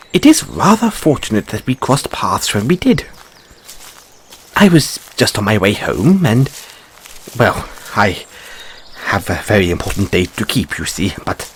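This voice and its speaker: A man's voice: medium pitch, slight background noise. A man playing an anxious, polite, whimsical rabbit boy in a fantasy audio roleplay, with stammered, courteous, old-fashioned phrasing. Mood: polite, curious. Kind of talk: theatrical fantasy audio roleplay addressed to listener.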